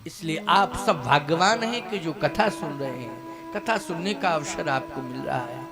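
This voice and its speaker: An older man preaches in a high voice, drawing out his words at an unhurried pace. He repeats his phrases and puts questions to his listeners before answering them himself. Devotional music plays clearly beneath his speech. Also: animated. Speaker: spiritual teacher giving a scripture discourse. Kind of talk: devotional sermon to a live audience. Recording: devotional music playing under the voice.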